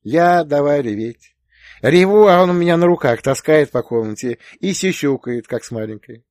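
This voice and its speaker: Audiobook: male reader as a talkative young woman confiding family troubles, lively and animated. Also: on the high side, normal speed, no echo, clean studio sound, pitched above the performer's own voice, natural voice. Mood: confiding complaint. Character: young woman, narrator's sister, chatty, confiding.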